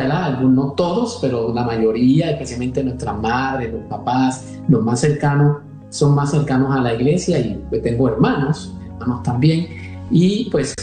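Man, fifties, religious brother, hesitant restarts, mellow tone, very echoey room, faint music. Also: mid-range voice. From Puerto Rico. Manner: hesitant, many restarts and fillers. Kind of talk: conversational interview.

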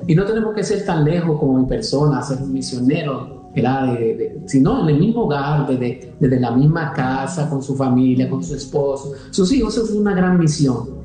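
A religious brother in his fifties from Puerto Rico speaks in a conversational interview, hesitating often and restarting his sentences, with many fillers. His voice is fairly high and warm. The rough recording has heavy reverb.

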